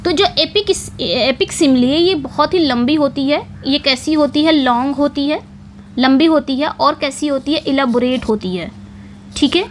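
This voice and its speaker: High-voiced Indian woman teaching literature. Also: slight background noise. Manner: repetitive, asks and answers her own questions; slow, careful reading of English lines. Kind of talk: exam-prep lecture.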